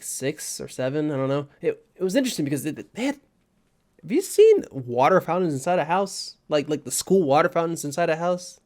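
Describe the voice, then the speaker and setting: Young adult man, slightly high voice, rambling and excitable, loose swearing, casual video rant with faint music underneath. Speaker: video creator. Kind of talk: casual rant about a childhood video game.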